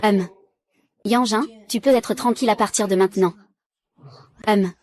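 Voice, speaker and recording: A woman's voice: mid-range voice, a little slow, darkish tone, no room sound. A woman reading dubbed drama dialogue, giving every character's lines in the same plain voice. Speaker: dub voice for a drama recap.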